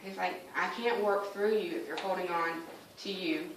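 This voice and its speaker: A woman's voice: fairly low pitch, fairly even intonation, normal speed. A woman gives her personal testimony as a church member, telling the story in a conversational way and voicing her exchanges with God. She is recorded from a distant mic, so her voice comes across roomy and very echoey. A faint hiss of noise sits under her speech.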